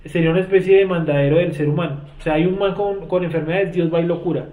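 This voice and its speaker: A man's voice: a little high, fairly even intonation, fast talker. A man teaching a Bible study class, explaining word meanings and often putting questions to his students. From Colombia. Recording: echoey room, tinny phone-like sound.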